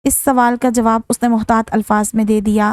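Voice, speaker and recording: A woman reading a novel aloud as an audiobook narrator, in a steady, even manner. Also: fairly high pitch, fairly quick, no room sound. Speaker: novel reader.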